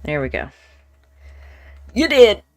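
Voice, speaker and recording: A woman's voice: medium pitch, very animated, takes it slowly, no room sound. A woman live streamer chatting casually while gaming, swearing freely and exasperated with the game.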